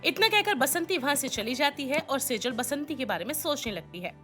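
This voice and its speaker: A woman narrating an animated children's story in a steady, plain storytelling manner. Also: sits high, brisk, soft background music.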